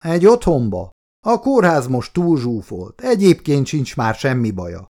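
A man's voice: mid-range voice, big pitch swings, mellow. A man reading an audiobook, voicing an irritable older woman doctor who answers curtly. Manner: curt, snapping.

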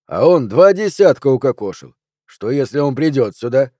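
A jittery policeman, voiced by a man reading an audiobook talks anxiously and a bit too loud, with a dark, mellow timbre. The recording is dry and close. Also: mid-range voice, big pitch swings, moderate pace, breathy edge, dry recording. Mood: nervous. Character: nervous talkative male police officer on stakeout.

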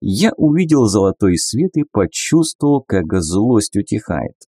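A man reading a science-fiction novel aloud as an audiobook, in steady first-person narration. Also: on the low side, measured pace, slightly rough, dry recording, clean studio sound.

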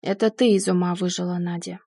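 A woman reading the lines of a calm, condescending husband who cheated on his wife, in an audiobook. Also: fairly low pitch, a little fast, breathy edge, no room sound, clean studio sound, pitched below the performer's own voice. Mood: smug. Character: unfaithful husband, middle-aged man, smug and dismissive.

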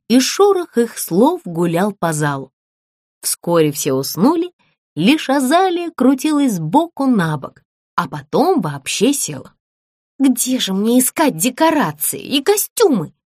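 A woman's voice: a little high, a little slow, no room sound. Woman storyteller for children's audiobook, very dry close sound. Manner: expressive, storytelling lilt.

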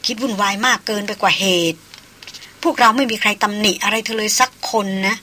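A woman reading the part of a composed female doctor in an audiobook, speaking softly and soothingly. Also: medium pitch, fairly even intonation, brisk, slight background noise, close to an everyday voice. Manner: soft and soothing.

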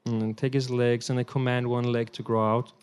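Man, sermon storyteller, short phrases with pauses for translation, laughs at his own stories. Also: mid-range voice, level tone, a little mellow, clean tone. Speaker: guest preacher. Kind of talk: sermon with live interpretation. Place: church hall.

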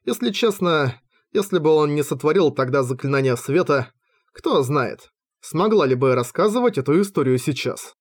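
A man reading a fantasy audiobook in the first person, with lively, wry storytelling. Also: fairly high pitch, moderate pace. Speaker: audiobook reader.

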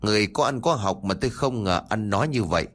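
A man's voice: on the low side, expressive, fast. A man voicing a stern village exorcist who speaks curtly and commands. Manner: curt, commanding. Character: stern rural exorcist, middle-aged man.

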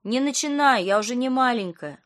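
A woman's voice: fairly high pitch, lively intonation, a little fast, fairly bright tone, voice pushed up. A flippant teenage girl, put on by a woman narrator for a storybook, her voice lifted well above the reader's own. She brushes everything off with a breezy, sing-song, eye-rolling tone. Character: younger sister, teenage girl, bratty and dismissive.

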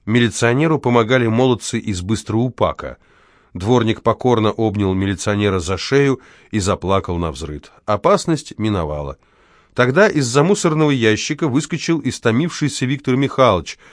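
A man's voice: mid-range voice, animated, moderate pace, no room sound, clean studio sound. A man reading fiction aloud expressively as an audiobook narrator. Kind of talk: scripted narration.

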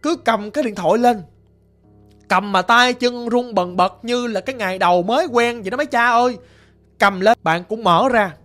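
A man in a Southern Vietnamese accent telling a ghost story in a chatty, animated way, talking straight to his listeners. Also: extremely high pitch, normal speed, faint music behind.

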